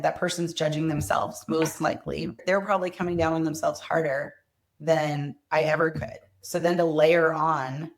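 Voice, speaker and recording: A woman guest on a podcast interview, speaking earnestly and reflectively about leadership and family, telling candid stories. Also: sits low. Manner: reflective, earnest, quotes herself and family with vivid emphasis. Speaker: guest, company executive.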